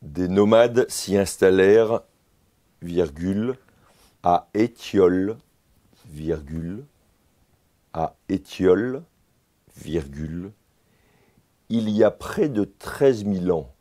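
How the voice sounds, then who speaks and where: A man's voice: low voice, expressive, takes it slowly, pauses often, dark tone. A man playing a candidate in a comic dictation sketch, answering formally and repeating every phrase with its punctuation.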